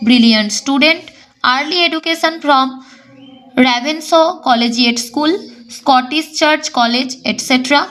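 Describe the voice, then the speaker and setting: A woman teaching an exam-prep English lesson. She reads English lines slowly, then explains them briskly. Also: high voice, a bit bright.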